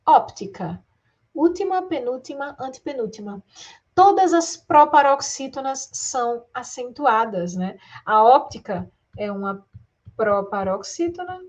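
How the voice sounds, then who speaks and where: A Brazilian woman with a fairly high voice teaches exam-prep grammar in a lively, direct way. She stretches words out slowly syllable by syllable and keeps firing rhetorical questions at her students.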